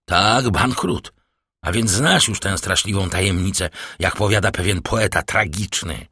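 A man's voice: deep voice, unhurried, bright, forceful tone, slightly rough, dry recording, clean studio sound, exaggerated voice. A man voicing a cold, scheming middle-aged banker who lectures his daughter with sarcastic irony. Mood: bitter irony. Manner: stern, ironic, lecturing. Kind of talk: audiobook character voicing.

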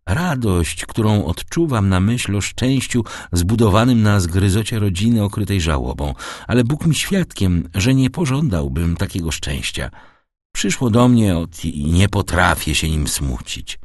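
A man's voice: fairly low pitch, big pitch swings, measured pace, no room sound, studio quality. A man voicing an eager young sailor son who speaks earnestly and urgently.

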